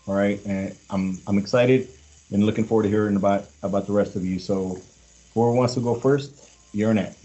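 Halting deep-voiced army sergeant major. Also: male voice, dark tone, lo-fi sound. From born in Mexico, raised in Los Angeles. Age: 40s. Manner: halting, with many fillers and restarts. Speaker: command sergeant major hosting a discussion. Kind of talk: casual group talk.

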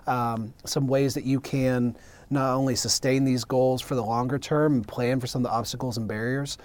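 A man who manages a human factors program, explaining things in a measured, steady way during a casual panel chat. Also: medium pitch, no echo.

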